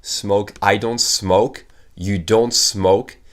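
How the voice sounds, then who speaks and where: In an online language lesson, a man teaches English to French speakers in a fairly low, steady voice. He slows right down for the English examples, which carry an American accent, and speaks quickly when explaining in French.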